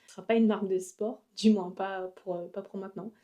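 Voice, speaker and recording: A woman's voice: mid-range voice, fairly even intonation, fairly quick, warm tone. A young woman talking casually to camera in a vlog, chatty and upbeat, with many fillers and small self-mocking asides. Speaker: vlogger and graphic designer.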